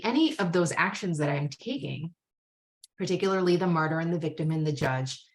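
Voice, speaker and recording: A married woman speaking at a recovery meeting, sharing her story candidly with animated asides. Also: low voice. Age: adult, married with kids.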